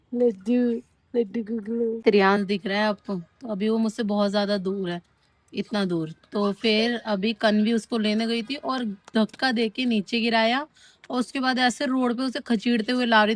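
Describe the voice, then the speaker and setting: A woman's voice: on the high side, fairly bright tone. A mother filming a casual family vlog at home, firmly scolding her children and then chatting with viewers.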